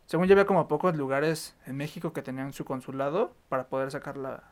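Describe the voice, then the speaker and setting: Quick-talking Mexican man from Chihuahua. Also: a little high. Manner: rapid, talkative, lots of "o sea" fillers. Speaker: podcast co-host or guest. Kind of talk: casual chat.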